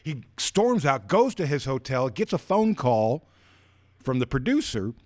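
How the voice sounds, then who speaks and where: A man's voice: medium pitch, measured pace, dry recording. A man co-hosting a comedy talk show, telling an anecdote with animation and acting out the quotes. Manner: animated storyteller, acts out the quotes. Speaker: co-host. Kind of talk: casual podcast storytelling.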